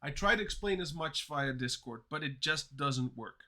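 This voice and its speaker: His voice sits fairly high, sounding pushed, bright and animated at a moderate pace. A man whose first languages are Dutch and Turkish, he rambles casually on a livestream about learning to code, answering chat as he goes.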